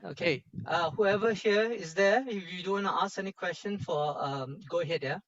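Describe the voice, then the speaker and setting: A man with a Singaporean accent leading an informal online workshop as lecturer, speaking in halting phrases with colloquial Singlish particles. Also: high voice, a bit bright, highs cut off.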